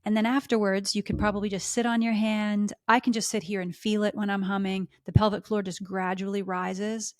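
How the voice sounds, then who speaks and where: A middle-aged woman hosting a podcast, talking smoothly and melodically as she coaches listeners through exercises. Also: mid-range voice, little pitch movement, a little fast, hardly any pauses, no room sound, clean studio sound. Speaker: podcast host. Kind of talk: instructional podcast talk.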